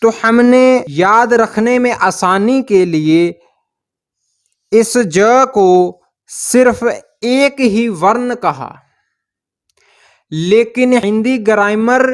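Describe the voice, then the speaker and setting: A man gives a language lesson, his voice sitting noticeably high. He talks slowly and patiently, stretching out each sound he demonstrates. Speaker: language teacher. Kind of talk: slow explanatory lesson.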